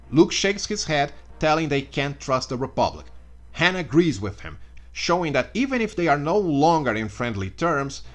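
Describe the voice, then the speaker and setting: Guy narrating a comedy story recap, bright and kind of sharp, sarcastic asides, faint music underneath. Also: medium pitch. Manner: sarcastic asides and mock outbursts.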